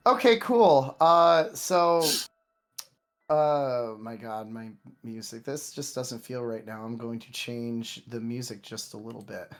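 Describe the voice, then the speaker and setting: A man with a middling pitch runs a tabletop game over background music. He improvises his narration as game master, halting and doubling back on words. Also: steady tone, fairly bright tone, clear, resonant tone.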